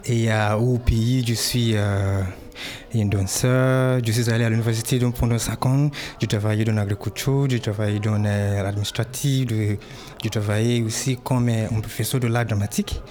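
A man's voice: fairly low pitch, fairly even intonation, normal speed. Hesitant man. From Nigeria. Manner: hesitant, many fillers, warming up when describing dreams. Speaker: interviewee, dancer and exhibition participant. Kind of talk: interview answers in learner French.

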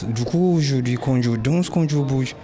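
A man's voice: mid-range voice, normal speed, faint music behind. Hesitant man. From Nigeria. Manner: hesitant, many fillers, warming up when describing dreams. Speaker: interviewee, dancer and exhibition participant. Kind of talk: interview answers in learner French.

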